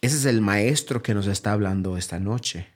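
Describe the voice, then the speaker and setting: A man preaching a sermon as pastor. He drives his points home with repeated rhetorical questions, dropping low and quiet, then rising to a raised, urgent appeal. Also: moderate pace. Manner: swings between low, quiet phrases and raised, higher exhortation.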